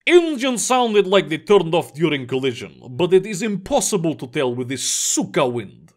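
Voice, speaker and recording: A man doing a blunt, gruff dock chief. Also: on the high side, sing-song, normal speed. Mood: matter-of-fact. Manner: matter-of-fact, dry.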